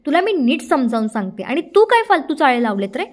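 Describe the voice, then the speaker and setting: A blind young village woman pleads through tears, soft but stubborn, read by a woman narrator. Her voice is high and strained, and she speaks in emotional storybook Marathi. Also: sing-song, brisk. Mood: defiant. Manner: pleading, tearful.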